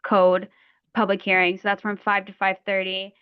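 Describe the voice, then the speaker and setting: A woman's voice: mid-range voice, completely flat delivery, normal speed, clear, resonant tone. A woman working as a planner, talking informally in an online meeting over a video call. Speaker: senior environmental planner. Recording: dull lo-fi call audio.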